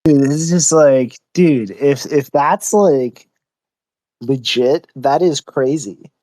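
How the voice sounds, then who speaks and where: A man's voice: mid-range voice, slow, darkish tone, dry recording. A man giving his opinions in casual chat, emphatic and given to swearing.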